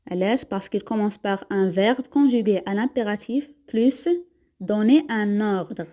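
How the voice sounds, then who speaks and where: A woman's voice: mid-range voice, dark tone. Moroccan woman teaching French grammar. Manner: repeats example sentences slowly, then explains quickly. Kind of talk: grammar lesson mixing Moroccan Arabic and French.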